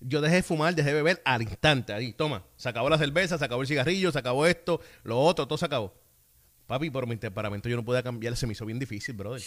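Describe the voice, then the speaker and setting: A man hosting a casual faith conversation over a video call, telling lively stories and checking in with his guest. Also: mid-range voice, rapid-fire. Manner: animated storyteller, checks in with the listener. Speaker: host.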